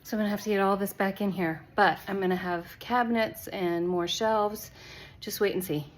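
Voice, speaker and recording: A woman's voice: mid-range voice, fairly even intonation, normal speed. A woman hosting her craft room vlog, talking in a chatty, upbeat way. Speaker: craft channel host. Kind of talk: casual vlog talk.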